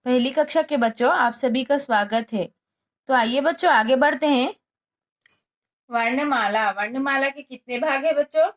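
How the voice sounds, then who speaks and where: A woman's voice: sits high, moderate pace. A woman teacher with an Indian accent giving a first-grade lesson, drilling letters in a sing-song way. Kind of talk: primary school lesson.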